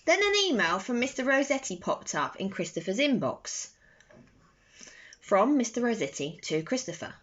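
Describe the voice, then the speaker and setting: In her bedroom, a young woman reads aloud a story for children at bedtime, deliberate and lively in her phrasing. Her pitch runs a little high. The phone she used, held at arm's length, produced a slightly dull recording.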